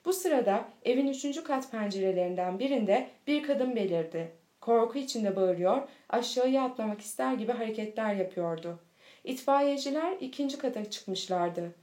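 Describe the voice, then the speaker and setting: A woman reading a children's storybook aloud in a steady, clear manner. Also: on the high side, moderate pace. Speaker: audiobook reader. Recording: echoey room.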